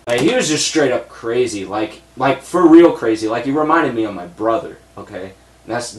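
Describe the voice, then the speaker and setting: A man's voice: mid-range voice, reverberant, slight background noise. A young man reviewing a movie in a blunt, profane, exasperated rant, seated at a desk in a small room full of shelves. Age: young adult.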